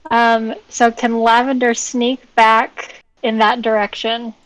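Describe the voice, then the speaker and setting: A woman's voice: on the high side, little pitch movement, slow, no echo, poor audio. A woman playing a tabletop game who asks questions hesitantly, with many fillers. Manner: hesitant, full of likes and ums. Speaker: player.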